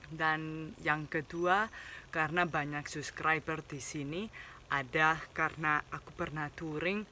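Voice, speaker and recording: A man's voice: fairly high pitch, sharp tone, slight background noise. A man from Spain, a native Spanish and Basque speaker, talks casually to viewers as a foreigner speaking Indonesian with a mixed foreign accent and informal slang. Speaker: vlogger. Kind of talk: casual vlog talk to viewers.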